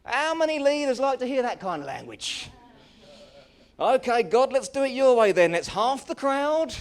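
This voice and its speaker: Welsh male pastor, animated sermon storyteller, high and wildly expressive voice. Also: moderate pace, clean tone. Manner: animated, acts out voices, swings from hushed to shouting. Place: church hall.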